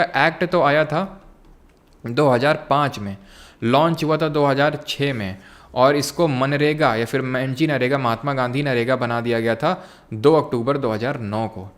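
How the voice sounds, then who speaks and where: A young man teaching a live online exam-prep class, mixing Hindi with English terms and answering viewers' chat questions. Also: medium pitch.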